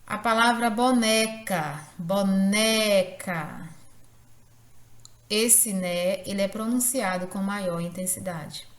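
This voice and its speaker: Slow, careful woman teacher. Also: medium pitch, echoey room. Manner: slow, careful, stresses syllables. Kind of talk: grammar lesson.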